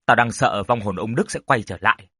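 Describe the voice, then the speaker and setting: A man's voice: lowish voice, fairly quick, pushed and bright, breathy edge, dry recording, studio quality, pitched below the performer's own voice. A man voicing a stern older rural uncle who deals with spirits, grave and commanding.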